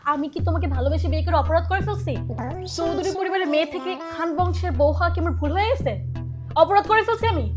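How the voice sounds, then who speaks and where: An actress playing a proud young wife who complains quickly and indignantly about her mother-in-law. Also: very high-pitched. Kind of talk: TV drama acting.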